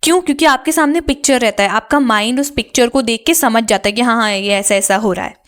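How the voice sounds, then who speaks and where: A woman's voice: a little high, quick pace, fairly bright tone. A woman with an Indian accent explaining an English speaking lesson in a chatty way, repeating points and checking in with "right?". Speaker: English teacher.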